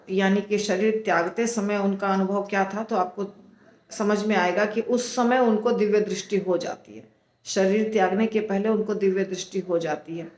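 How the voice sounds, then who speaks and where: A woman teaching the pronunciation of scripture, slow and deliberate, sounding out syllables one at a time. Her voice sits at an ordinary middle pitch and carries a noticeable echo from the room around her. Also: a little mellow.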